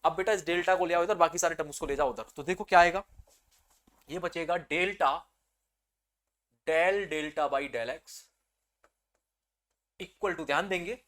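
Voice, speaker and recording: Bright, energetic man teaching a lecture. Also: on the high side, a little slow, pauses often. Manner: addresses students as "beta", asks and answers his own questions; energetic, swings loud and excited while explaining. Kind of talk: exam-prep engineering lecture.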